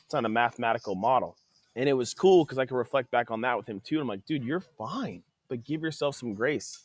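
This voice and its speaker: Animated storytelling man, dry close mic. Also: mid-range voice, a little fast, dry recording. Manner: animated, acts out quoted dialogue, says "dude" often. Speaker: athletic trainer, podcast guest. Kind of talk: casual conversational storytelling. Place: podcast studio.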